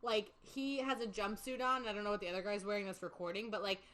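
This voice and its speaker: A young woman hosting a podcast, retelling a film in casual, animated chat with lots of fillers. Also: medium pitch, fast talker, rough recording. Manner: chatty, animated storytelling with many fillers. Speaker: podcast host. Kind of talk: casual movie recap chat.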